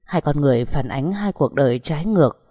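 Woman narrator, low pitch, dark mellow tone, dry close sound, scripted story reading. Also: lively intonation, fairly quick, husky, no room sound.

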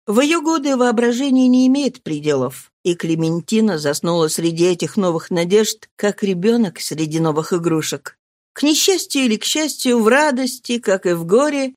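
A woman narrating a classic novel in a measured, expressive way. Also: medium pitch, dry recording, studio quality.

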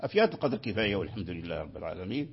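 A man's voice: sits low, sing-song, racing, husky, dull audio. A man teaching Quranic readings in a classroom lecture, repeating phrases and checking that his students understand.

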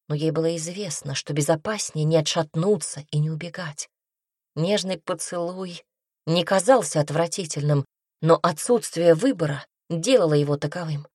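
Low-voiced woman reading a novel. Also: a little mellow, breathy edge, no echo, studio quality. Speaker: audiobook narrator. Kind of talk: scripted narration.

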